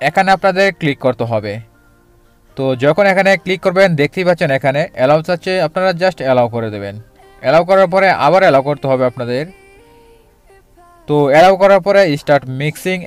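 A man hosting a phone app tutorial, walking viewers through each step and repeating instructions. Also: fairly high pitch. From Bangladesh. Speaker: tech tutorial host.

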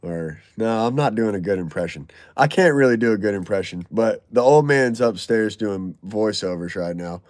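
A man's voice: on the low side, animated, normal speed, hardly any pauses, darkish tone, no echo, clean studio sound. A man hosting a casual live stream from a garage, answering viewer messages with loose, profane, joking banter. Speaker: live stream host reading chat.

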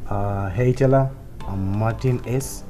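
A quiet Kenyan man in his twenties, answering slowly as a dating show contestant. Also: fairly low pitch, faint music behind. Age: 20s. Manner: quiet, measured.

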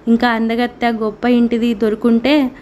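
A proud, teasing rich woman from an audiobook story, as a woman narrator puts her on. She provokes in a fairly high, even voice. A little jealousy runs under her playful jabs. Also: normal speed, slight background noise, close to an everyday voice.

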